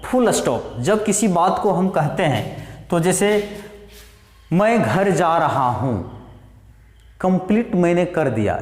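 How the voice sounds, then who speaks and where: A man teaching a grammar lesson, explaining slowly with worked examples. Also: a little high, a little mellow. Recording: echoey room, distant reverb.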